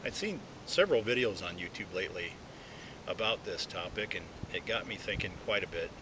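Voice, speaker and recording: A man chatting casually and reflectively to viewers outdoors, in a halting way, talking around a pipe in his mouth. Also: lively intonation. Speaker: pipe smoking video blogger. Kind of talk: casual solo chat to viewers. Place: outdoors, sitting inside a hollow tree. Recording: noisy outdoor recording with low rumble.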